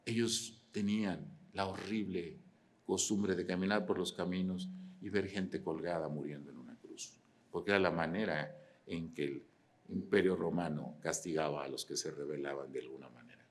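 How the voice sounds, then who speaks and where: A man, preaching an animated sermon with rhetorical questions, swinging from loud to quiet. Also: low-pitched, moderate pace. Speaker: pastor.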